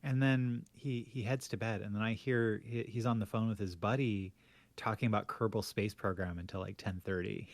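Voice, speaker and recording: A man's voice: on the low side, steady tone, moderate pace, no room sound. A middle-aged man co-hosting a podcast, telling family stories in casual chat with lots of restarts and laughter. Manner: rambling with many restarts and laughs. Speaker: podcast co-host.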